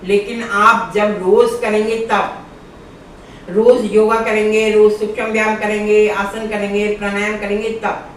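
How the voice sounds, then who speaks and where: A woman's voice: medium pitch, flat delivery, measured pace, slight background noise. A woman yoga instructor patiently guiding viewers step by step through breathing exercises. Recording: very echoey room, far from mic.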